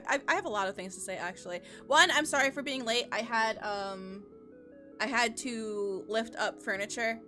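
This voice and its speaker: A woman streaming a game, chatting excitedly with her audience, swearing, laughing and stumbling over repeated words, with faint game music behind. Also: fairly high pitch. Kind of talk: casual live-stream chat.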